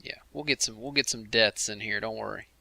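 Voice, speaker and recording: A man hosting a casual game commentary livestream, chatty and quick to laugh as he talks to the chat room. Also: on the low side, vocal fry, pushed and bright, no echo. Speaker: host of a game commentary stream.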